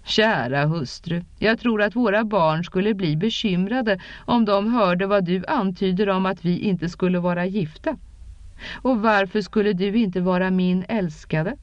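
A woman voicing a patient, affectionate warrior king speaking gently to his wife. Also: medium pitch, no room sound, lightly acted. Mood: gentle. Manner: calm, affectionate, coaxing. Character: tender, patient warrior king and husband, a grown man. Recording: dull lo-fi.

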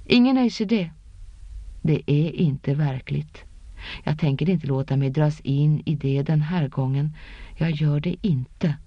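Woman doing scared stubborn young woman, pleading, goes high and tense, dull lofi sound. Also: no room sound. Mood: desperate. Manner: pleading, desperate, insistent. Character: frightened, defiant young woman refusing a dream life.

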